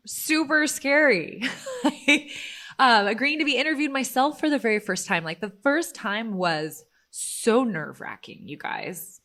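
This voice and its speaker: A chatty woman hosts her solo podcast in a loose, conversational way, poking fun at herself and breaking into laughter. Her pitch bounces around a lot and her delivery stays animated. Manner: chatty, self-deprecating, laughs often. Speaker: podcast host. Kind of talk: casual solo podcast monologue.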